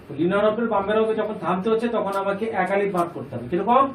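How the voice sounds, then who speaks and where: A man with a high voice teaches a reading class, patiently repeating his points and stopping to quiz the students. He sits far from the microphone in an echoey room, with faint noise in the background.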